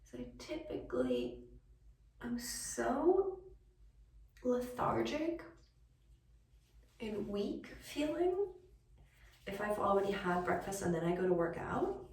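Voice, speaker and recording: A woman's voice: on the high side, lively intonation, slow, long pauses, a little mellow. Chatty woman vlogging on her phone. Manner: chatty, rambling and self-deprecating. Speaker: vlogger and photographer. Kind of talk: casual vlog chat. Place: at home, indoors. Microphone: phone held by the speaker. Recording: roomy, distant phone audio with faint noise.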